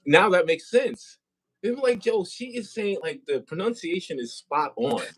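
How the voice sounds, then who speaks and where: A man's voice: sits high, expressive, normal speed, fairly bright tone, breathy edge, poor audio. A man hosting a casual live interview, chatty and rambling with many fillers. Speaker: host. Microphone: compact wireless mic.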